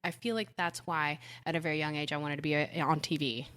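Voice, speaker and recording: Young woman guest from Puerto Rico, native Spanish speaker, lowish voice, chatty storyteller. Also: fairly even intonation, fast, fairly bright tone. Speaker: podcast guest. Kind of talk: casual conversation.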